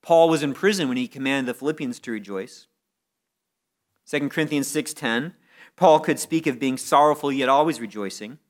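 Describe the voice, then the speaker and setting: A man's voice: mid-range voice, normal speed. A man preaching a sermon, earnest, often repeating a word before finding his phrase. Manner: earnest, repeats words when stuck, rises in intensity on key phrases. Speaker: pastor.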